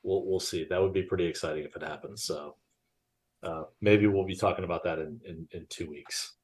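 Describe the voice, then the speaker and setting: A man with a deep, low voice co-hosts a casual live podcast. He rambles, restarts his sentences and fills his pauses as he talks things through. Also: fairly even intonation, darkish tone. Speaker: podcast co-host.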